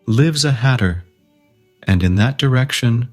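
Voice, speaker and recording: A languid, cheerfully mad storybook cat, pitched far down into a low register. It speaks in unhurried, matter-of-fact riddles, with faint music underneath. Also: female voice, animated, darkish tone, full character voice. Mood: cryptic, unbothered.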